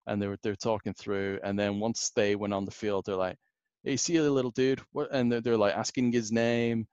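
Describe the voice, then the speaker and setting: A man's voice: lowish voice, level tone, a little fast, darkish tone, clear, resonant tone, no room sound, muffled recording. A man, rambling through a casual podcast anecdote with many fillers. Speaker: podcast guest.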